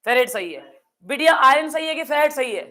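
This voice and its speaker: A Hindi-accented woman lectures on chemistry briskly and with animation, her voice high and somewhat bright. She poses questions to her students and answers them herself. Now and then she plays out confused students for fun.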